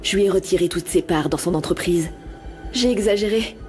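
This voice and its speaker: A woman's voice: on the low side, a little fast, over music, lightly acted. A woman playing a cold scornful schemer. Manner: contemptuous. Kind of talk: dubbed telenovela acting.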